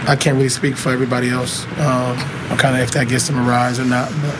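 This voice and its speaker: Terse athlete at a postgame podium. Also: male voice, flat delivery, fast, heavy background noise. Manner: brief, low-key answers with many "um"s. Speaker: basketball player at postgame press conference. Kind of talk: postgame press conference answers. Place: press conference room in front of a sponsor backdrop. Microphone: table microphone in front of him.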